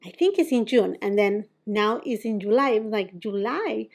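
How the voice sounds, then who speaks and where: A woman's voice: medium pitch, lively intonation, normal speed, vocal fry, a little mellow. A woman from Peru, chatting casually to camera as a beauty vlogger, often laughing and quoting herself.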